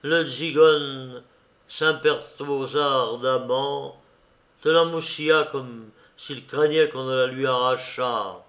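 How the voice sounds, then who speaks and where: A man narrating a literary novel as an audiobook in a slow, measured reading. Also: medium pitch, fairly even intonation, fairly bright tone.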